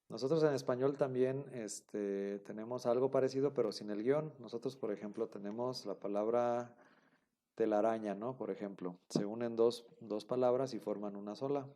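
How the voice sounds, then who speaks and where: A Biblical Hebrew teacher with a mid-range, dark-toned voice gives a classroom lecture. He explains patiently, repeating himself and using many fillers.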